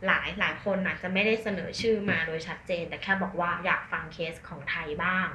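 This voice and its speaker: Casual podcast co-host: rambling, chatty woman with a bright voice, echoey room with faint hiss. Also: on the low side, quick pace. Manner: chatty, rambling, keeps checking the listener follows.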